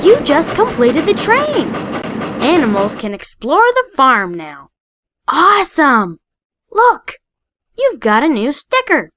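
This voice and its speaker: A woman's voice: high-pitched, wildly swooping pitch, slow, a bit bright. A woman voicing the prompts of a children's phonics app, giving cheerful praise and sounding out letters and words with care. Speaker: app narrator.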